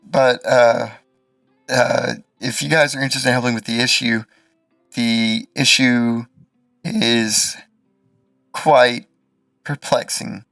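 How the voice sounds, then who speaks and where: Male tabletop game master: hesitant, unhurried, fry-edged, close and dry. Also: mid-range voice, fairly even intonation, fairly bright tone, no echo, distant mic, soft background music. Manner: hesitant, halting delivery. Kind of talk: improvised tabletop game narration.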